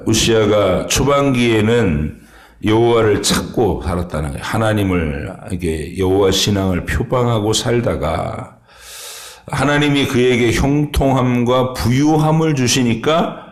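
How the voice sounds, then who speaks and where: Slow, low-voiced pastor in an echoing church. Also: male voice. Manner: slow, halting delivery with many fillers. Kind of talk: early-morning sermon. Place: church sanctuary.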